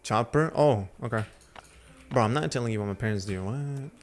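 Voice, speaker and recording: Over soft background music, a young adult man whose first language is Lithuanian streams a game from his home, speaking into a headset in a mid-range voice at a moderate pace. His talk is loose, slangy and rambling, and he answers his live chat between game moves.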